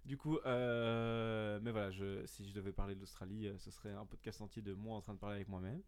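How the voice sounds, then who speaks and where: A man's voice: fairly low pitch, fairly even intonation, a little fast, clear, resonant tone. A young man, a podcast guest, telling a self-mocking story in casual chat, full of hesitations and fillers.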